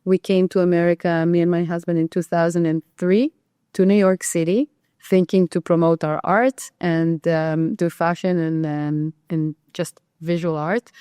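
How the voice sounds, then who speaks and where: A woman's voice: fairly low pitch, fairly even intonation, mellow, smooth, no echo, studio quality. Woman from Israel telling her story. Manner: conversational, many ums and pauses. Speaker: real estate agent, guest. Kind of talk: podcast interview.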